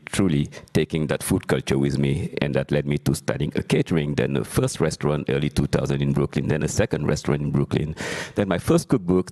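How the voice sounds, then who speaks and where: Man from Senegal, panel speaker, extremely low voice, measured storytelling with fillers. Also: a little mellow. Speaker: chef and panelist.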